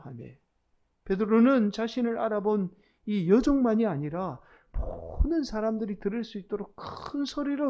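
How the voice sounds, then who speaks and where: A man's voice: high-pitched, vocal fry. Male pastor preaching, dull lo-fi sound. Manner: storytelling, addresses the congregation directly. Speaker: senior pastor. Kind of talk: expository sermon.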